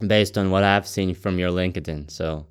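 An interviewer from Latvia asks lively questions, with the pitch jumping up on key words. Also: normal speed, smooth.

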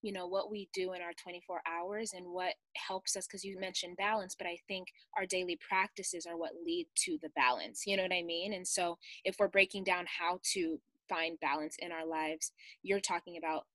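A woman raised in the United States, hosting an interview in a lively, emphatic conversational way. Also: fairly low pitch, normal speed, dry recording. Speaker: host. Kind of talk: casual conversation.

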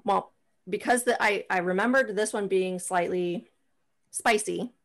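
Woman hosting a whiskey tasting pod, chatty, lots of "like", middle pitch. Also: measured pace. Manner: chatty, lots of "like" and restarts while describing flavors. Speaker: podcast co-host leading a whiskey tasting. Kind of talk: casual chat.

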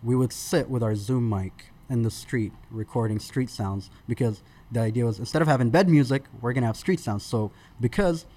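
A man in his thirties, born in Sudan, is a podcast guest telling stories conversationally. His pitch is typical for a man, and his relaxed, chatty delivery is full of fillers and restarted sentences.

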